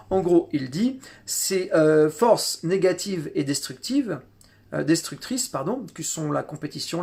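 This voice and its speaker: A man giving a spiritual teaching talk, halting often with repeated words and fillers. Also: a little high, creaky.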